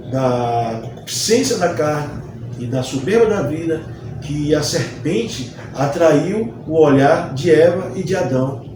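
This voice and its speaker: A Baptist pastor from Bahia, Brazil, earnestly teaches a Bible study lesson, repeating phrases for emphasis. His voice is slightly high, and the distant mic captures a very echoey room along with background noise.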